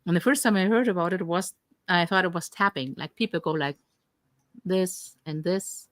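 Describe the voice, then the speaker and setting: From a home in Atlantic Canada, a German-accented woman co-hosts a live Q&A stream on health coaching, speaking at normal speed in a lowish voice. The recording is dry. Her manner is chatty, full of ums and false starts.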